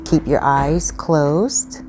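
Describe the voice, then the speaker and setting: Low, slow-paced woman guiding calm grounding meditation. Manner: slow, patient, instructional phrasing. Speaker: meditation guide. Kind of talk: calm guided grounding exercise. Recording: clearly noisy ambient background.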